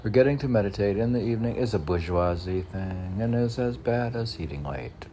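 A middle-aged man performs his own poems, moving briskly through the verse in a lowish, mellow, animated voice. He mutters little improvised asides to himself along the way, over faint background noise.

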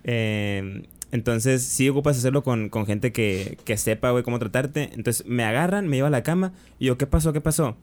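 A young man with a Mexican Spanish accent tells a long personal story in relaxed conversation. His voice sits in a middle register, and his talk is loose and slangy, with frequent restarts. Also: mid-range voice, normal speed, few pauses, slight background noise. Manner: slangy, peppers speech with "güey", restarts often. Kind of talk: casual storytelling chat.

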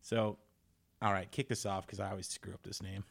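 A man's voice: low voice, flat delivery, fairly quick, creaky, fairly bright tone. A man co-hosting a casual sports podcast, talking loosely with restarts and frequent laughs. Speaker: podcast co-host.

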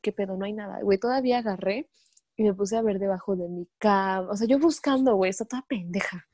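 A woman's voice: medium pitch, fast talker, no echo. Slangy young Mexican woman, dry sound. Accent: Mexican Spanish. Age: young adult. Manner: slangy, animated storyteller. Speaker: student. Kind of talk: casual chat among friends.

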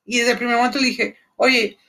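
High-voiced young Mexican man, gravelly. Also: little pitch movement, brisk, bright, forceful tone. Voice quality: unusually high voice. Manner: laid-back, slangy, laughs often. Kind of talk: casual chat.

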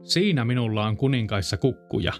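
A man's voice: mid-range voice, expressive, soft background music, natural voice. A man voicing a cross, scolding hen in a fairy-tale reading. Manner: snappish, scolding.

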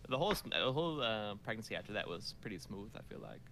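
Man, casual storytelling, bright forceful tone, fairly low voice, laughs a lot, faint background noise. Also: very animated, quick pace. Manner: laughs often, acts out quotes with restarts. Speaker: parent recounting a story. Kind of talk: casual conversation.

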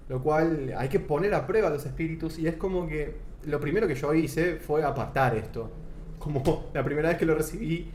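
A man's voice: fairly high pitch, moderate pace, a little mellow. A young man with an Argentine accent tells his faith testimony in a casual interview, earnest and often restarting his sentences. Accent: Argentine Spanish. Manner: earnest, searching for words with many restarts. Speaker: guest giving testimony. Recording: echoey room with faint background noise.

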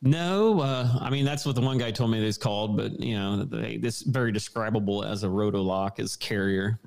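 Brief: gravelly, lowish male guest, rambling technical talk, lots of ums. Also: moderate pace, darkish tone. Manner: technical, rambling explanations with fillers. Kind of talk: casual podcast chat.

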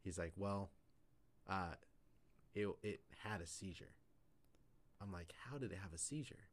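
A man's voice: low voice, a little slow. A man casually telling a long personal story on a podcast, full of fillers and "like". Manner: rambling, filler-heavy storytelling with lots of "like". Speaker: podcast co-host.

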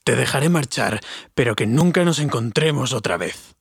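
A stubborn, wrathful dwarf king growls his words slowly and low, as a man reads him aloud. The voice is husky and sits close and dry, like a homemade audiobook. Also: lively intonation, no room sound. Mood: bitter. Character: proud angry dwarf king, older male.

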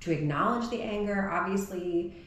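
In a reflective, conversational podcast chat, a female co-host thinks out loud and frequently asks rhetorical questions. She speaks at a moderate pace in a mid-range, slightly bright voice, recorded in a very echoey room with faint noise.

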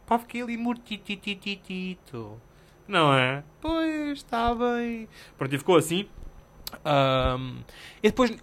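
Young male podcast host, European Portuguese accent, slangy and animated, voice sitting a touch high. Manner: animated, swearing, slangy, self-mocking. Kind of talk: casual solo storytelling.

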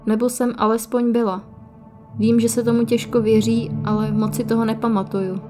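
Actress as a playful young woman ghost, soft and unsure, light music under her in the storybook. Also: a little high, little pitch movement, natural voice. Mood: uncertain. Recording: faint music behind.

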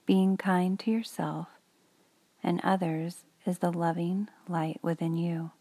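Slow whispering woman guiding a meditation. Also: on the low side, steady tone, husky, dry recording. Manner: soft whispery delivery, slow and soothing. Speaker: meditation guide. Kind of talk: guided meditation for children.

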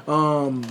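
A man with a slightly high-pitched voice co-hosts a podcast in loose, slangy chat. He is jokey and falls back on catchphrases, with some faint noise in the recording. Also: a bit bright. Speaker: podcast co-host. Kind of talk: casual comedic chat.

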